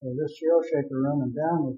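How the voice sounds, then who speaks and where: A man's voice: a little high, steady tone, fast talker, dark tone. A man who captained a drilling ship, telling a vivid, rambling story in an oral history interview. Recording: tinny phone-like audio.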